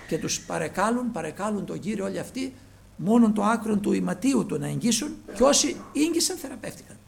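A man preaching a sermon, emphatic and moving between loud and hushed, repeatedly addressing the brethren. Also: a little high, gravelly, a little hiss or hum.

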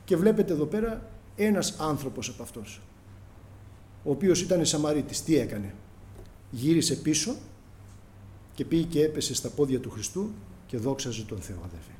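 Impassioned preacher with a lively, rising voice. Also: male voice, a little high, pauses often, a little hiss or hum. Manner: impassioned, addresses the congregation as brothers, acts out prayers and dialogue. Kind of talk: sermon.

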